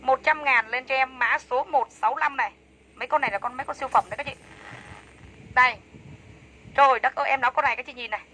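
Woman livestream seller, high bright voice, upbeat repetitive sales patter, faint background noise. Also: fast, long pauses, poor audio. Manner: chatty, enthusiastic sales pitch, repeats prices. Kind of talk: fast live-sale patter.

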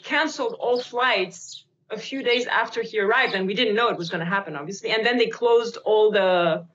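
A woman from Switzerland in her forties, an actress talking on a video call, pausing and repeating words as she thinks. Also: medium pitch, fairly bright tone, slight background noise. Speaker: actress guest. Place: bright room indoors by a window. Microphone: laptop camera on video call. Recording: dull lo-fi video call audio.

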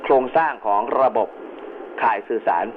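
A man's voice: mid-range voice, normal speed. Male instructor on a narrow, noisy phone-like line. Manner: step-by-step explaining, colloquial asides. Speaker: instructor in amateur radio emergency communications. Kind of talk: explanatory lecture, partly informal. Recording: narrow phone-like band with clear background noise.

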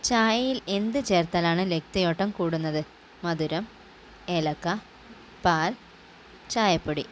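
A woman reading general-knowledge quiz questions and their answer options in a measured, list-like way. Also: fairly low pitch, slight background noise. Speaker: quiz presenter.

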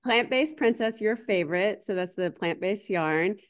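A woman's voice: medium pitch, normal speed. Chatty woman co-hosting a livestream. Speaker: livestream co-host.

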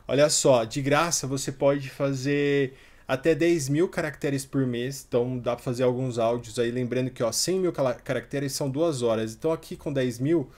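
A man, hosting a casual software tutorial and talking while he clicks through a website, with frequent fillers. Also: medium pitch, steady tone, normal speed. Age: 30s. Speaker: tutorial host.

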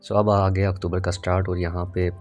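Low, brisk and darkish in tone with little pitch movement, this man speaks with a Pakistani accent. He's a vlogger and university student in his 20s, chatting casually to camera on a phone at arm's length, explaining things and blending in English words, in city streets and inside shops, with music laid over the audio.

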